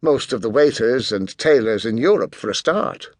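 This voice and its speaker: A man narrating an audiobook with lively, expressive storytelling. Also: mid-range voice, normal speed, no echo, clean studio sound. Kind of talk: scripted narration.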